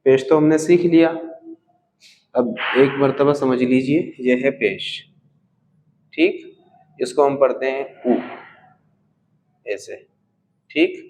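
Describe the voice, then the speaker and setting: A man with an ordinary mid-pitched voice teaches a reading lesson at an unhurried, deliberate pace. He lingers on each vowel sound to demonstrate it. He pauses again and again to check that his learners are following. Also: a little mellow, slight background noise, rough recording. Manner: patient, checks in with "theek hai" after each point. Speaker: Urdu script teacher. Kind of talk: slow step-by-step language lesson.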